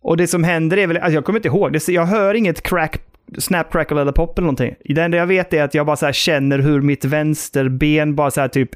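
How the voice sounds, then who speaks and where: A man with a fairly high pitch and steady tone co-hosts a podcast, speaking with hardly any pauses. Though he sounds tired, he tells a story animatedly in casual chat and acts out the quoted voices.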